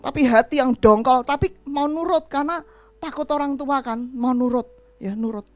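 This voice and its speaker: A middle-aged woman preaching a sermon in an animated storytelling way, acting out the voices of the people in her stories. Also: high voice, normal speed, dry recording, faint music behind.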